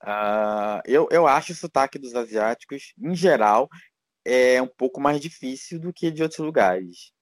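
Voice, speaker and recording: A man's voice: mid-range voice, expressive, measured pace, no echo. A Brazilian man, a guest in a casual interview, talking in a rambling way with many fillers and restarts. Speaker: guest, teacher living abroad.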